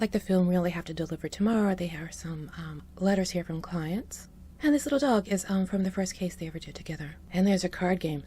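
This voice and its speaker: Fast-talking woman with a mellow low voice. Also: slight background noise. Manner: quick chatty narration with fillers, trailing into breathy asides. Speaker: game video narrator. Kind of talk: casual build narration.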